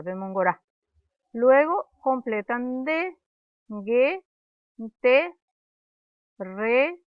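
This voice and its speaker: A woman with a medium-pitched voice teaches a primary-school language lesson, slowly and patiently reciting letters and syllables one at a time so pupils can repeat them. She dictates syllable by syllable, drilling letters and sounds. The recording is dry, tinny and lo-fi, with no echo.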